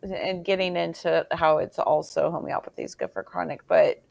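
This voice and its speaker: A woman's voice: deep voice, fairly even intonation, normal speed, creaky, darkish tone, dry recording, highs cut off. A woman hosting an interview over a video call, talking earnestly with many fillers. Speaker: host.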